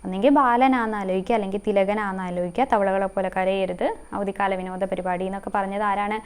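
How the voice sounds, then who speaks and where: A woman's voice: mid-range voice, fairly even intonation, fast talker, clear, resonant tone. A young woman teaching an exam-prep lesson, quizzing the listener, repeating the answers and linking facts with memory tricks. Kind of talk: online lesson.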